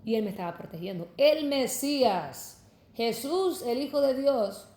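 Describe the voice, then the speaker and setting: A fervent young woman from Cuba preaches her testimony, often calling her listeners brothers. Her voice is mellow and warm. It rings a little off the walls of an echoey room. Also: a little high, lively intonation, unhurried.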